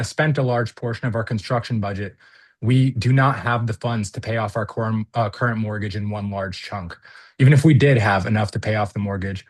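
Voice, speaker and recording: Applicant, male, heard over a video call: low-pitched, earnest, reads from notes with halting fillers. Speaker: applicant at a zoning hearing. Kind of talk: reading a prepared statement.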